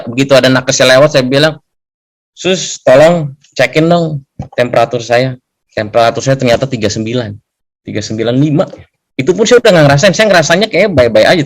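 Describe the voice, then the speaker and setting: Young guy w telling his testimony, chatty, keeps adding a little tag to check listeners follow, normal mid voice. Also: medium pitch. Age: young adult. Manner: conversational, often adds a questioning tag for agreement. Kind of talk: personal testimony storytelling.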